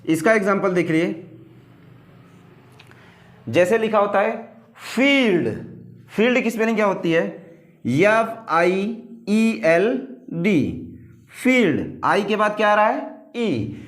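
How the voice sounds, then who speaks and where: A man gives an English pronunciation lesson in a fairly high voice. He speaks slowly and deliberately, spelling each word letter by letter. He also dictates rules for students to copy down. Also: animated, reverberant. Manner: spells words letter by letter, asks and answers his own questions. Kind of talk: classroom-style lesson.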